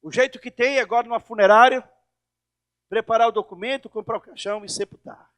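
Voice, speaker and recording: A male pastor preaching in church with a very high voice, swinging from hushed lines to shouts. The sound is dry and close. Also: steady tone, brisk, no echo. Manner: impassioned, shifting from hushed to shouting. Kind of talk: sermon.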